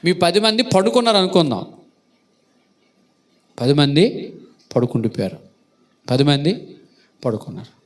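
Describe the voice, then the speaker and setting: A male pastor preaching a sermon, asking the congregation questions and acting out loud calls. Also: a little high, sing-song, measured pace, pauses often. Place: church hall.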